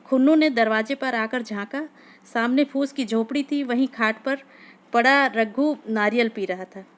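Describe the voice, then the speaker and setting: A woman storyteller reading a classic short story aloud. Her narration is steady and measured, and her voice sits a little high.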